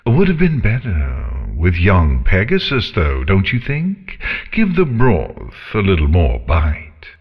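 A man's voice: deep voice, wildly swooping pitch, slow pace, slightly rough, dull audio, exaggerated voice. A man voicing a grumpy, haughty female dragon who makes mock threats in a storybook reading. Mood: mock-threatening.

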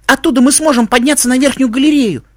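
A man voicing a cheeky, mischievous young colt who squeaks excitedly. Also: fast, no echo, studio quality.

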